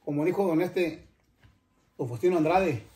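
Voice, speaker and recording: A man's voice: fairly high pitch, moderate pace, crowd noise. An older man, hosting a cooking channel and chatting casually to viewers in a rambling way that often stops and restarts. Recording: roomy, echoey room.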